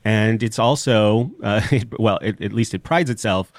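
A man's voice: on the low side, normal speed, no room sound, studio quality. A man hosting a casual podcast, with a congested nasal voice as if pinching his nose, talking in a wry, dryly joking way. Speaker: podcast host.

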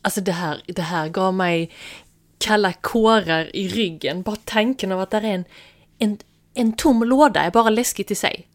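A young woman co-hosting a podcast, chiming in with short, casual reactions. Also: medium pitch. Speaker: podcast co-host. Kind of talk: casual chat.

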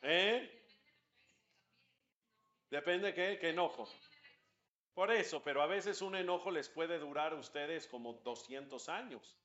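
A man, a rabbi giving a lively religious class, questioning his listeners and chanting Hebrew prayer lines. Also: a little high, measured pace, long pauses, muffled recording.

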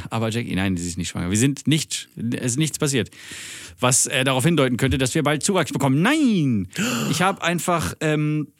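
A man's voice: mid-range voice, a little fast, no room sound, studio quality. A man from Germany chatting casually as a podcast co-host, rambling, losing his thread and joking crudely. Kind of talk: casual chat.

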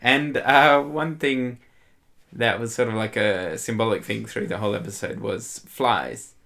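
A man co-hosting a podcast, talking in a relaxed, dry way with plenty of fillers. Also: on the low side, a little slow, vocal fry. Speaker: podcast co-host. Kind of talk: casual chat.

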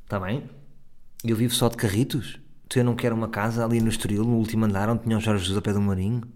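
A man's voice: fairly low pitch, level tone, quick pace, a little mellow. A man in his thirties with a European Portuguese accent, delivering a crude, sardonic and rambling comic monologue as host of his own podcast. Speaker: comedian host.

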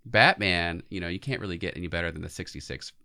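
A man's voice: sits low, quick pace, gravelly, bright, forceful tone. A man in his forties co-hosting a podcast, chatting casually about pop culture. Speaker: podcast co-host.

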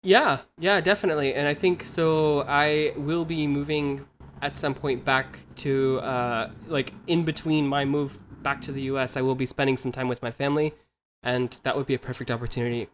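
A young American man living in Germany co-hosts a podcast, chatting casually, laughing often and restarting his sentences. His mid-range voice is steady at a normal speed, with a little hiss or hum in the audio.

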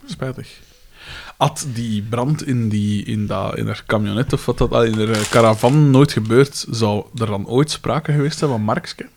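A Flemish man in casual chat, recapping a story calmly and agreeing with his friends. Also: mid-range voice, normal speed, gravelly, few pauses.

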